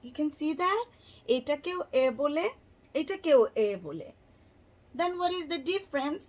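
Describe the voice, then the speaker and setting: Woman, Bangladeshi accent, phonics teacher for kids, very slow, drawn-out repetition, slightly high. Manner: slow, drawn-out, sing-song repetition, switching between English and Bangla. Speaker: teacher to children.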